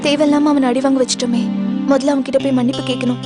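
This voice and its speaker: An actress playing a timid young female student who talks quickly and apologizes in a TV serial. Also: high-pitched, level tone, natural voice. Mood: apologetic. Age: young adult. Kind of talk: TV serial acting. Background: background music.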